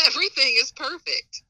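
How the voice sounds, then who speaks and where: Bright, lively woman over speakerphone. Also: sits high, unhurried, no echo, low-quality recording. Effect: heard through a phone speakerphone. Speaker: caller on speakerphone. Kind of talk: casual phone chat.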